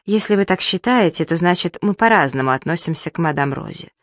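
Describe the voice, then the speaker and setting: A woman's voice: lowish voice, animated, a little fast, dry recording, studio quality, close to an everyday voice. A reader voicing a proud, distraught young woman who begs and argues with feeling, in an audiobook. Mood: scornful. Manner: pleading, emotional reading.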